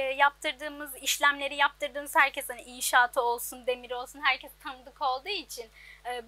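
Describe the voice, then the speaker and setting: A woman's voice: high-pitched, pushed and bright. A woman in her twenties who owns a laundry, answering interview questions plainly and hesitantly, with many fillers, in an outdoor workshop. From Turkey. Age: 20s. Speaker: business owner.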